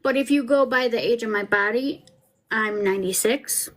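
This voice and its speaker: A woman in her forties hosts a podcast in a casual, rambling, self-deprecating way, chatting over a trial feed like a livestream. Her voice is slightly high and fairly bright, and she talks at a moderate pace.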